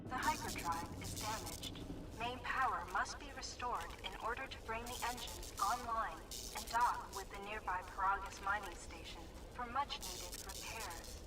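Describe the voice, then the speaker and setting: A woman voicing an impersonal ship computer in a video game, giving formal, measured announcements and instructions. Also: medium pitch, distant mic, noisy background, lightly acted. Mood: formal, instructive. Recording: loud game music, voice set back.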